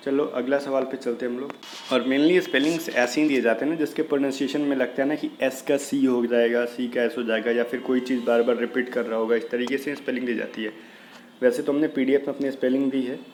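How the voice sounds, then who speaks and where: A man's voice: mid-range voice, low-quality recording. Guy teaching spellings for an exam, chatty and loose, spells out each letter, a bit of background noise. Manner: casual explaining, spells words letter by letter. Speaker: English vocabulary teacher. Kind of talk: exam-prep vocabulary lesson.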